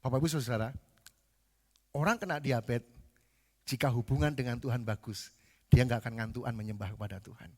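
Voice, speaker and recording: A man preaching a sermon, animated, rising loud for emphasis. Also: medium pitch, fairly quick, long pauses. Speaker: pastor. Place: large church hall. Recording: long hall reverb.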